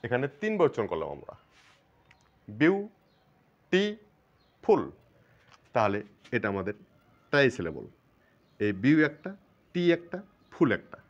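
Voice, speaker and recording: A man with a Bangladeshi accent teaching an English grammar lesson, explaining step by step, repeating terms and drawing words out slowly to show their syllables. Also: mid-range voice, big pitch swings, highs cut off.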